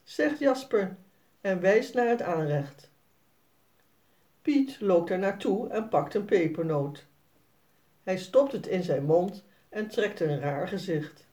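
Slow woman reading a children's story. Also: fairly low pitch, warm tone. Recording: voice a bit distant from the mic.

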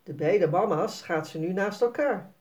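A woman reading a children's picture book aloud, slowly, clearly and expressively. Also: lowish voice, animated, a little mellow. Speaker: storyteller.

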